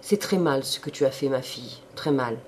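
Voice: medium pitch, moderate pace, a little mellow, slight background noise, natural voice. A reader voicing an older country priest who lectures and coaxes with a wry, knowing manner, in an audiobook of a classic novel. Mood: sly sermonizing. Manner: sermonizing, wry and cajoling.

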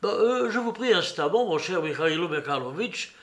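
A dandyish deputy prosecutor, as a man puts him on urges restraint in formal, measured words. The tone is bright. It comes from a novel read aloud. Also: high voice. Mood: stern. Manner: formal, urging calm.

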